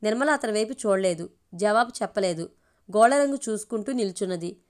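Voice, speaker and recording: A woman storyteller narrating a romantic audio story in a steady reading voice. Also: mid-range voice, brisk.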